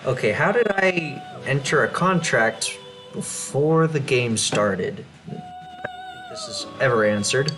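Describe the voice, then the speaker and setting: A man's voice: on the high side, huge pitch swings, takes it slowly. A man hosting a let's play, giving casual, musing commentary with offhand asides. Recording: loud game music behind voice.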